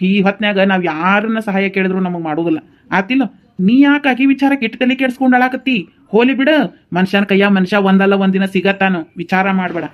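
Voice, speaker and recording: A woman's voice: mid-range voice, natural voice. A woman voicing a patient, soothing young husband in a cartoon, with a North Karnataka accent. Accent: North Karnataka Kannada. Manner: coaxing, reassuring, chatty. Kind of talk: cartoon voice acting.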